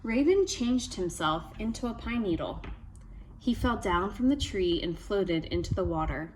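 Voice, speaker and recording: A woman with a mid-pitched voice tells a trickster tale from a picture book. She reads it as a storyteller to young listeners, pausing to ask questions and wonder aloud. A faint ambient noise sits behind her voice. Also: rough recording. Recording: steady background ambient noise.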